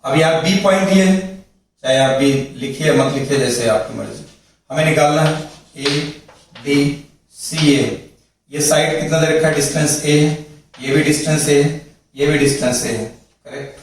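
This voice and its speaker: A man with a slightly high voice lectures on physics, walking through each step and asking if it is clear. He sounds far from the mic in a strongly echoing room with faint noise behind him. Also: normal speed, long pauses. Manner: explains step by step, repeats points, asks checking questions. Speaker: physics teacher. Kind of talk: classroom lecture at a board.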